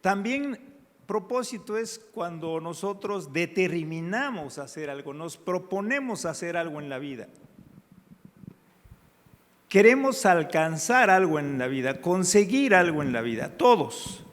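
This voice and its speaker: Man, preacher, slow deliberate delivery, higher voice, long hall reverb. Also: very animated. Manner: slow, prayerful, drawn-out phrases; rising to emphatic teaching. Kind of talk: sermon. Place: church hall.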